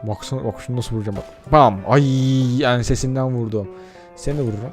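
A man doing excitable let's-play commentary, chatting straight to his viewers and cursing casually at the game. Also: mid-range voice, fairly quick, faint music behind. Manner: addresses viewers directly. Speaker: gaming YouTuber.

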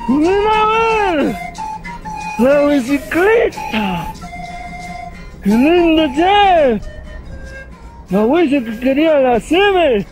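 An actor with a Bolivian Spanish accent playing a stubborn, wheedling village drunk in a film, with a slurred, whiny way of talking. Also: male voice, very high-pitched, very animated, drawn-out words, pauses often, music in the background, heavily acted, low-quality recording. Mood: delighted. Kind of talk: film acting.

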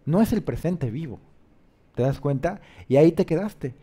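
A man's voice: fairly high pitch, lively intonation, moderate pace, warm tone, husky. A man, a host counseling a caller on spiritual matters, pressing his points with insistent rhetorical questions. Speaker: host giving spiritual guidance.

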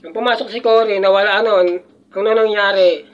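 A man's voice: high-pitched, fairly even intonation, brisk. An older man in casual chat, rambling and reminiscing with chuckles and frequent restarts. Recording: muffled lo-fi audio.

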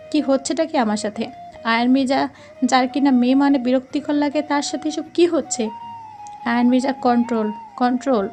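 High-voiced woman narrating a story. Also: darkish tone. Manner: reads every character's lines in her own voice. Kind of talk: scripted audio story narration. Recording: faint music behind.

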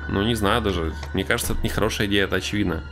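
A male game streamer with a fairly low, gravelly voice talks his way casually through a horror game. He is wry and mock-tough, with clear music playing behind him. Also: rapid-fire. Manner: wry, mock-tough banter, reading subtitles aloud.

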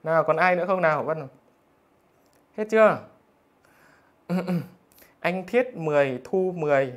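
A man's voice: fairly high pitch, expressive, normal speed. A male math teacher, reading out students' scores in a live online lesson in a teasing, jokey way. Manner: teasing, jokey, keeps asking "được chưa?".

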